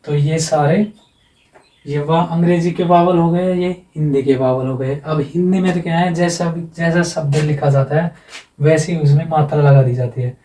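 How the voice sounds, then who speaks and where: A man's voice: fairly high pitch, fairly even intonation, moderate pace, warm tone. A male teacher giving an exam-prep lesson, patiently explaining and repeating himself, stretching out the example sounds he demonstrates. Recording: echoey room, mic at a distance.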